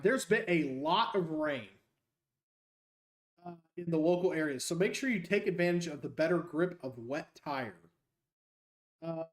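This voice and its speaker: A man streaming a racing game and joking his way through casual, rambling commentary as a high school teacher. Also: reverberant. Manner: jokey, rambling, self-mocking.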